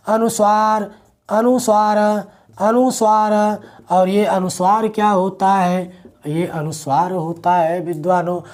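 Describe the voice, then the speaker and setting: In a high-pitched voice, a male teacher lectures a class on grammar, asking questions and then supplying the answers. He repeats the important words over and over.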